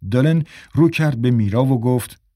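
A man narrating a story in a measured, even way for an audiobook. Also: mid-range voice, dry recording, clean studio sound.

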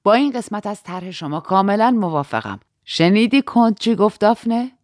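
A woman's voice: medium pitch, lively intonation, darkish tone, dry recording, clean studio sound, lightly acted. Woman reading as a blunt cheerful husband. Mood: frank. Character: frank, easygoing nobleman husband.

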